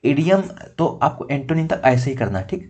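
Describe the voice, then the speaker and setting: A man's voice: a little high, sing-song, a little fast, darkish tone, husky, dull audio. A young man coaching students for an exam, chatting casually as he shows his notes and counts pages aloud. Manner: conversational, repeats "theek" often, counts pages aloud. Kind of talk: casual tutorial, showing notes.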